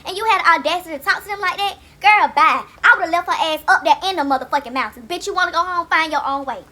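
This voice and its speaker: A woman's voice: very high-pitched, fast, bright, forceful tone. A woman hosting a reality-TV recap vlog, brash, profane and opinionated in casual commentary. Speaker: YouTube reality-TV recap host.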